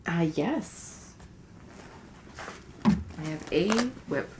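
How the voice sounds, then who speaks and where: A woman's voice: low voice, lively intonation, extremely slow, darkish tone, a little hiss or hum. A woman in her forties co-hosting a podcast, chatting casually and playfully with frequent giggles. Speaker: podcast co-host. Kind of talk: casual chat.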